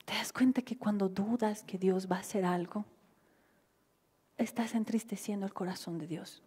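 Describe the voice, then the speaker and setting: A woman with a Bolivian Spanish accent preaching a sermon in a church hall, dropping to near-whispers and rising to loud cries. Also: medium pitch, steady tone, moderate pace, breathy edge. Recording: livestream with long hall reverb.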